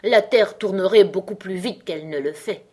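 A woman voicing a rude, ill-tempered duchess with a hoarse, grumbling voice in a storybook reading. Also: medium pitch, normal speed, a little mellow, close to an everyday voice. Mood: curt. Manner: curt and snapping.

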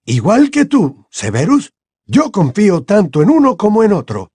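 A man reading an audiobook who voices an elderly, wise wizard headmaster, speaking in a measured, grave, commanding way with a husky tone. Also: sits high, huge pitch swings, mellow, no room sound, studio quality, voice pushed up, exaggerated voice. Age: over 60. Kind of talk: audiobook character voice.

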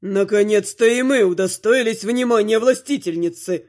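A woman putting on a haughty male henchman from a dark fantasy court, drawling his words slowly with a sneer. The voice sits low and heavy against a woman's natural register. It is read as part of a storybook narration. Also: natural voice. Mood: haughty menacing. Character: arrogant male dark-lord henchman, menacing.

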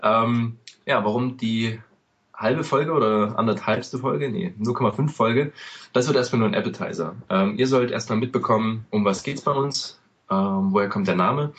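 On a dull-sounding home microphone over a call, a low-voiced eastern German man co-hosts a relaxed podcast. His explanations run long and loose, chatty in tone and sprinkled with plenty of "ähm."

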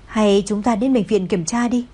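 A woman's voice: mid-range voice, moderate pace, dark tone, breathy edge, close to an everyday voice. Woman reading as an anxious, doting young husband. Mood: worried. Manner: worried, eager to please.

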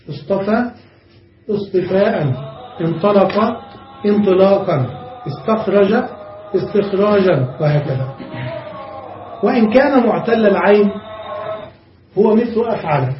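Captured on a far-off mic in a reverberant room, this muffled, dull recording features a sheikh lecturing on Arabic grammar in a high male voice. He moves patiently through the rules one by one and stops to ask whether his students follow. There is slight background noise.

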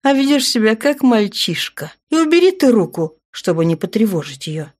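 Brief: female narrator voicing a sharp, scolding young heroine, brisk and clipped, audiobook. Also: a little high, sing-song, pitched above the performer's own voice. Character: fiery young woman commander, anxious and stern.

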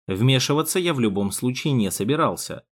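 A man narrating an audiobook chapter in first person with an expressive reading. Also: mid-range voice, fairly quick. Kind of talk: scripted narration.

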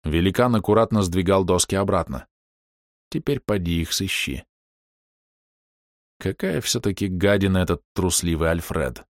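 A man narrating a fantasy audiobook in a steady, even storytelling manner, close to the mic. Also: sits low, no echo.

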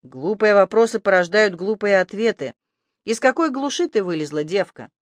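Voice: medium pitch, animated, moderate pace, no echo, clean studio sound, natural voice. An audiobook narrator voicing a sarcastic, scruffy male talking rat with a mocking, needling manner. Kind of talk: audiobook character voice.

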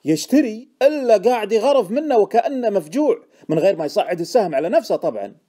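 A man with a Gulf Arabic accent voicing an excitable, insistent male stock tipster in an audiobook. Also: fairly high pitch, normal speed, voice pushed up. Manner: insistent, indignant, loud. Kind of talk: audiobook character voice.

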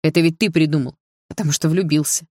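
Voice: mid-range voice, fairly even intonation, fast, mellow, no echo, studio quality, close to an everyday voice. An audiobook reader voicing a nervous young man who pleads and justifies himself. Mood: reminiscing. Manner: pleading, flustered. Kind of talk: audiobook dialogue.

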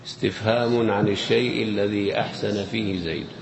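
A man's voice: on the low side, fairly even intonation, brisk, creaky. A man teaching a grammar lesson, quizzing his audience in a playful, teasing way. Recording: echoey hall with faint noise.

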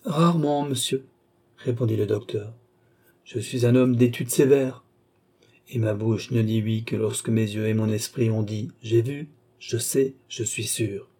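A man voicing a calm, grave doctor. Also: mid-range voice, natural voice. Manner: calm, measured, gentle. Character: grave, composed male doctor.

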